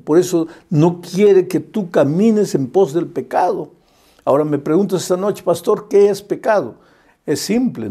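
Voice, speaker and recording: A male pastor delivers an impassioned sermon and hammers his points home through repetition. His voice sits high for a man, yet it sounds warm and mellow. He speaks straight to the listener with affection. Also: breathy edge. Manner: impassioned, repetitive preaching cadence; addresses listener directly and fondly. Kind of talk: evangelistic sermon.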